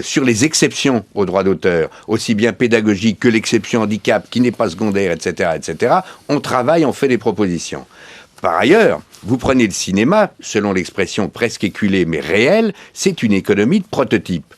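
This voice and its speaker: A man's voice: fairly low pitch, big pitch swings, brisk, no room sound. A man from France, a studio guest, giving long, explanatory answers in a radio interview and building his points with everyday comparisons.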